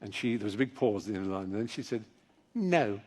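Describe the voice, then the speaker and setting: A man's voice: on the low side, fairly even intonation, racing, very noisy. An older man, an actor and audiobook narrator, telling a rambling, self-deprecating story to a live audience with frequent restarts.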